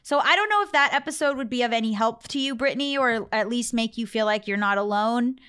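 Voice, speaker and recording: Clear, higher-pitched woman chatting casually. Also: quick pace, a bit bright. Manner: informal, frank. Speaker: podcast host. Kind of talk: casual advice chat.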